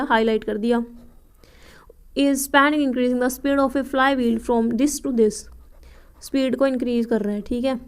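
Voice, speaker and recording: A young woman tutoring physics problems step by step, reading the question text slowly and asking herself "what next?" before each answer. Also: a little high, darkish tone, clean tone. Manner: repeats checks like "ठीक है" and asks herself questions before answering; reads English question text slowly, word by word. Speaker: physics tutor for nursing entrance exams. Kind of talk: explaining exam problems step by step.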